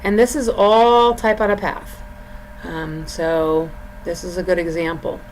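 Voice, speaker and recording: A woman college design instructor giving an informal recorded lesson and screen walk-through, explaining in a halting, drawn-out way. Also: on the low side, steady tone, poor audio. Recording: clear background room noise.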